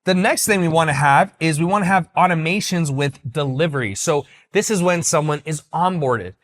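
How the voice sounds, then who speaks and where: A business coach with a fairly high voice teaches sales and business methods in a casual video, speaking at a moderate pace. He addresses the listener directly and persuasively, checking in with them along the way.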